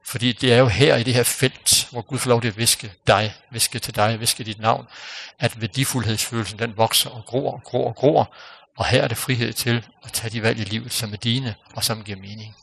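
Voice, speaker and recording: A man preaching a sermon, earnest and unhurried, dropping to a near-whisper for emphasis. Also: medium pitch, fairly even intonation, vocal fry, a bit bright, slightly rough. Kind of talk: sermon with closing prayer.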